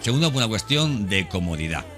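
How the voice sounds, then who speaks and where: With background music playing under him, a man hosts a podcast in a casual, unscripted monologue aimed at the listener, leaning on repeated phrases for emphasis. His voice is on the low side and fairly bright, very animated, and quick.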